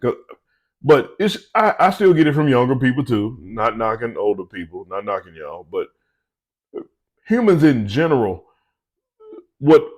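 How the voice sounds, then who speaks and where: A man's voice: mid-range voice, big pitch swings, a little slow, long pauses. A man giving a conversational Bible teaching, slangy and rambling, speaking to his viewers. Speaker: faith speaker.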